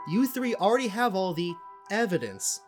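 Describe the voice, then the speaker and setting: Music runs under this performance of a self-important cult investigator and expert from an audio drama. The actor speaks in a mid-range voice with big pitch swings, pompous and dramatic, pausing deliberately; the acting is light and the tone grave and dramatic.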